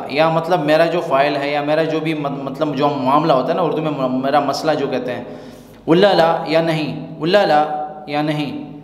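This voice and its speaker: A man teaching spoken Arabic phrases, repeating each one slowly and then explaining its meaning. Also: fairly high pitch. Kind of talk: language lesson explaining Gulf Arabic phrases in Urdu. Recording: echoey room with long reverb.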